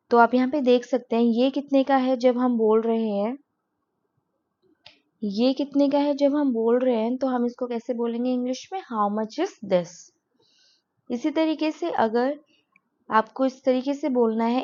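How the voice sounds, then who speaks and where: A woman teaching spoken English, who explains patiently and says each example sentence slowly. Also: on the high side, mellow, muffled recording.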